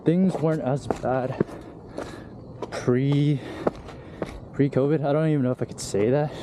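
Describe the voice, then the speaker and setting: A man's voice: mid-range voice, steady tone, a little slow. A young man talking loosely and candidly to his camera while hiking uphill, out of breath. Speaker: vlogger. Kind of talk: casual vlog talk while hiking. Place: outdoors on a hiking trail. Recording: outdoor recording with clear background noise.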